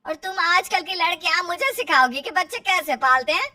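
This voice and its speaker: Woman voicing a loud scolding mother-in-law. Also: extremely high pitch, expressive, fairly quick, no room sound, studio quality, voice pushed up, exaggerated voice. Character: stubborn old-fashioned mother-in-law, scolding.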